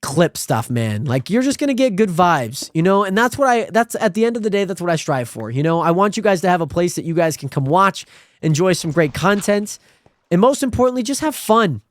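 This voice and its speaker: Twenties male streamer, rambling and friendly, high bright-sounding voice, dry close mic. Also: brisk, dry recording. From Spokane, Washington. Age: 20s. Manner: rambling, friendly, animated with sudden high pitch jumps. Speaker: livestreamer. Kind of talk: casual stream chat reading viewer comments.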